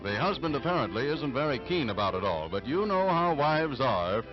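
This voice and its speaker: A man's voice: medium pitch, big pitch swings, moderate pace. A man narrating an old 1930s newsreel in a wry, chatty announcer manner. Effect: old 1930s newsreel soundtrack. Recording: dull lo-fi 1930s newsreel with music.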